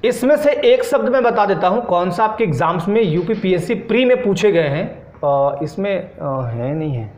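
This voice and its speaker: A man with a high-pitched voice teaches an exam-prep grammar class. He dictates word pairs and keeps checking in with students through short tag questions. He sounds like he is in a room with plenty of echo. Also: big pitch swings, normal speed, hardly any pauses, darkish tone. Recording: echoey room.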